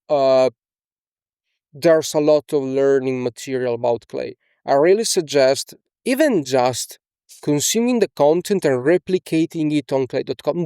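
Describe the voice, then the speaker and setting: This young man from Italy has a slightly high, somewhat mellow voice and an Italian accent. Coaching casually in a screen-share tutorial from a small indoor room, he keeps adding "okay?" and fillers. The recording is dry and studio quality.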